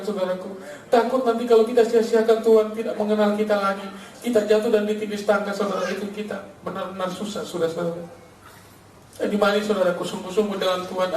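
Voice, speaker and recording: A man's voice: sits high, darkish tone. A man from Makassar with a Makassar accent, giving an emotional sermon testimony and calling his listeners "brother" after nearly every phrase. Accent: Makassar Indonesian. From Makassar, Indonesia. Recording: echoey room, mic far off, faint hiss.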